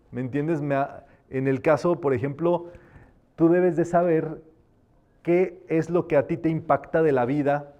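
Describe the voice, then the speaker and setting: A man's voice: fairly high pitch, highs cut off. A man teaching a live metaphysics class, explaining patiently and sometimes demonstrating by chanting affirmations.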